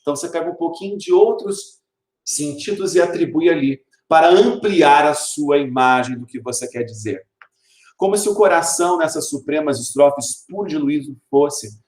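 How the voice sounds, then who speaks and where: Man, Brazilian Portuguese accent, teacher, rhetorical questions, slightly high voice, roomy echo. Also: darkish tone. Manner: explanatory, asks rhetorical questions and answers them; reads verse slowly and stresses sounds. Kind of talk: recorded literature video lesson. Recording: echoey room.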